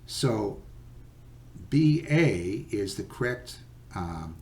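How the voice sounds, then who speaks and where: Male teacher, slow and lively in pitch, patient, fills pauses with "uh" and "okay". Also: vocal fry. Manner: patient, unhurried, with many fillers and okays. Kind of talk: recorded geometry lesson.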